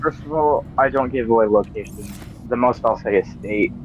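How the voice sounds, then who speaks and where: A man's voice: mid-range voice, moderate pace, lo-fi sound, slight background noise. A man chatting casually as a co-host on a gaming stream, heard through headset voice chat audio. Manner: easygoing, chatty.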